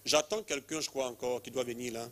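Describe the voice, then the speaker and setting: Man, lay preacher, commanding, repetitive, mid-pitched voice. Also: steady tone, brisk, fairly bright tone. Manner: commanding, repeats short phrases, calls people forward, leads call-and-response prayer. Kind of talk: charismatic healing service, prophetic calling.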